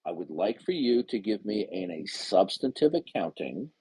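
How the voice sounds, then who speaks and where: A man's voice: lowish voice, big pitch swings, moderate pace, dark tone, husky, rough recording. A man hosting an online debate room, arguing in a confrontational, insistent way and repeating his demands. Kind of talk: argumentative live debate.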